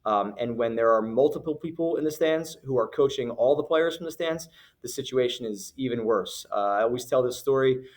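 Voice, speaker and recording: A man in a recorded announcement speaks to the parents in his league with a firm, earnest tone. He often starts with "uh" and "um", breaks off and begins again, and says a phrase twice for weight. His voice sits at an ordinary middle pitch for a man. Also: fairly quick. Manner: earnest, firm, with frequent fillers and restarts; repeats phrases for emphasis. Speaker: youth basketball league director.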